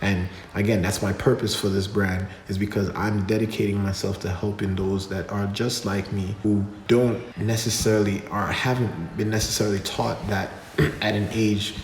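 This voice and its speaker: A deep-voiced man with a Jamaican accent speaks in a casual, motivational vlog. He talks earnestly, with filler words here and there. The room echoes, with a long reverb tail and faint ambience behind him. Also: little pitch movement, moderate pace, a little hiss or hum. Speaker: vlogger and dancer. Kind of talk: casual reflective vlog talk.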